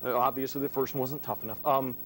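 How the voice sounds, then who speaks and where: A man's voice: medium pitch, steady tone, fast, soft background music. A man in his thirties, a ventriloquist speaking as the mild, slightly hesitant straight man in comedy talk-show banter. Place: TV studio. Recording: slightly noisy old TV videotape.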